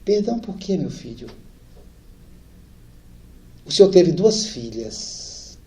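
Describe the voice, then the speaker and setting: A frail young man near death pleads faintly with his father, as a storyteller puts him on. The voice is hushed and mellow, a touch high, and every word comes out weak. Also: sing-song, slow pace, heavily acted. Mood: pleading.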